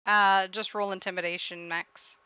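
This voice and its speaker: A woman's voice: mid-range voice, little pitch movement, normal speed, pushed and bright, clear, resonant tone. A woman running a tabletop game as game master, narrating and voicing shopkeepers over an online call. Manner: plays shopkeepers in her own voice. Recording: dull lo-fi online call audio.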